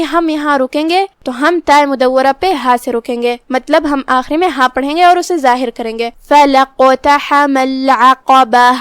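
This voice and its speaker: A woman teaching Quran recitation rules in a patient, methodical way, slowly reciting verses and explaining each letter. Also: high voice, no room sound, clean studio sound. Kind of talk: tajweed lesson with slow recitation.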